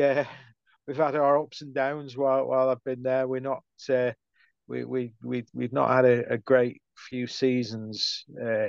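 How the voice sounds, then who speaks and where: Middle aged bloke with a stoke accent, pretty even pitch, stop-start chat, slightly muffled recording. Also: male voice, no echo. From Stoke, England. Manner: hesitant, halting, with repeated words. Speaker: podcast guest, football writer. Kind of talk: casual interview chat.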